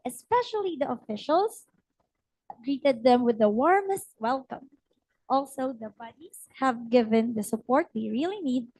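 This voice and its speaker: A young woman tells a short story-style presentation at a ceremony, her somewhat high voice husky and strained. She pauses often with fillers as she goes. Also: a little mellow, poor audio. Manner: hesitant with frequent fillers. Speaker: student practice teacher presenting. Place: ceremony hall.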